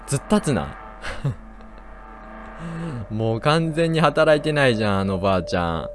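A man commentating a horror game as he plays, talking to himself, joking and yelping loudly when startled. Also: medium pitch, big pitch swings, normal speed, background noise. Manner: jumpy, loud startled outbursts and joking complaints; talks to himself while exploring. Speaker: gameplay commentator.

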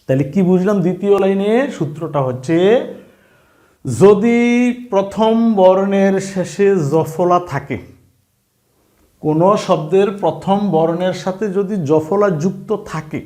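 A man's voice: high-pitched, a little slow, warm tone. A man teaching pronunciation in an online class, repeating each sound and checking the listener follows. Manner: repeats sounds and rules, asks the listener questions. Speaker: Bengali language teacher. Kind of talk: online spelling and pronunciation lesson.

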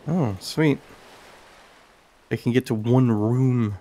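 Over game music, a man hosts a gaming video, giving casual, tentative let's-play commentary. His medium-pitched voice is slow and mellow as he thinks aloud and reads on-screen text while playing.

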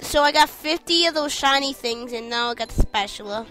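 A woman's voice: high-pitched, brisk, fairly bright tone, faint music behind. A young woman chatting casually and blurting out reactions while playing a video game. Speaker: let's play co-host. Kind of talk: casual gameplay commentary.

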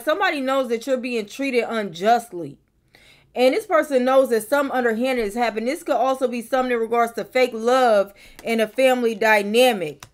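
Young woman tarot reader, slightly high voice, thinks aloud and repeats lines, bedroom to camera. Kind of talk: casual tarot reading to camera. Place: bedroom, indoors.

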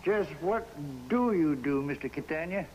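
An actor playing a shrewd, probing elderly lighthouse keeper in an old television drama, talking in a folksy, hesitant way. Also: male voice, on the high side, animated, normal speed, a little mellow, dull audio, close to an everyday voice. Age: older. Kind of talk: 1950s television drama acting. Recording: old television recording with faint hiss.

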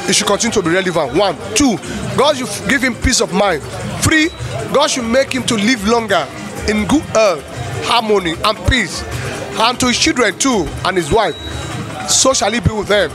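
Guy wishing a retiree well, kinda high voice, halting, music and crowd loud behind. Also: animated. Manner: earnest, halting with fillers. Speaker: guest giving well-wishes. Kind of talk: spoken tribute. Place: party hall.

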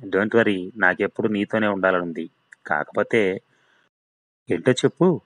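A man's voice: lowish voice, unhurried, a bit bright, dry recording. A man voicing a scheming female AI home assistant with a manipulative manner. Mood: sly. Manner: manipulative, feigned sorrow.

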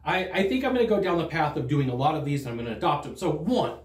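In an echoey green-screen studio, a middle-aged man delivers sales training directly to a fixed camera while standing at a desk. Fairly high-pitched and quick, he keeps things lively and chatty, performing customer quotes as he goes.

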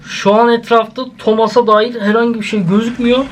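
A young man with a Turkish accent hosts a casual reaction vlog from his home, his voice sitting high for a man. He talks straight to his viewers and yelps excitably when something jumps out. A faint hiss of room ambience runs behind him. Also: brisk. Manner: excitable, jumpy, exclaiming at scares; addresses viewers directly. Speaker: YouTuber host. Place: at home, indoors. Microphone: camera set up in the room.

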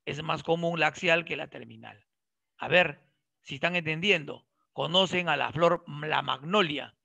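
A man lecturing a biology class, quizzing his students and cracking jokes as he goes. His voice sits a little high and sounds bright and gravelly. It is recorded close and dry, with no room sound. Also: a little slow, no room sound. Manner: lively, questioning students directly and joking. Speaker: biology teacher.

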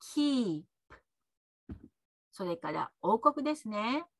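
Bright, lively woman teaching pronunciation. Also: medium pitch, gravelly, no echo. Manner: slow, drawn-out model words for the learner to repeat; chatty, adds little "ne" tags while explaining. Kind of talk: pronunciation lesson with repeat-after-me drills.

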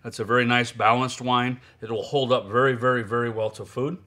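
Bright-voiced man rambling about wine. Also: mid-range voice, steady tone, a little fast. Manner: rambling, many fillers and restarts, chatty. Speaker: wine presenter. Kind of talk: casual wine-tasting chat. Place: indoors at a zoo building.

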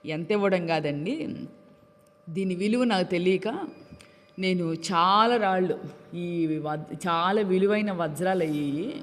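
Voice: mid-range voice, unhurried, pauses often, a bit bright, close to an everyday voice. A preacher voicing a young man who regrets having thrown away precious stones. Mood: regretful. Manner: remorseful explaining. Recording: long reverb in a hall.

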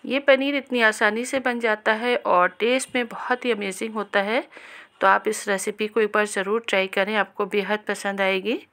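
A woman hosting a cooking channel, giving a calm, step-by-step recipe voice-over and speaking directly to viewers. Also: medium pitch, moderate pace.

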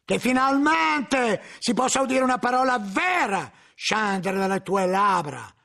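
A man's voice: very high-pitched, big pitch swings, a little slow, vocal fry, pitched above the performer's own voice, exaggerated voice. A man reading an audiobook aloud, voicing a stern, menacing male inquisitor who interrogates a frightened monk with harsh accusations. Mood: accusing. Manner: accusing, harsh, shouting at times. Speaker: audiobook reader.

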